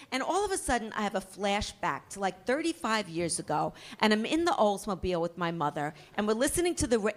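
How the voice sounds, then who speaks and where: Sharp-voiced brash middle-aged comedienne. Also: female voice, on the high side. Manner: brash, profane, self-mocking rants. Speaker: stand-up comedian. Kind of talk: stand-up comedy routine.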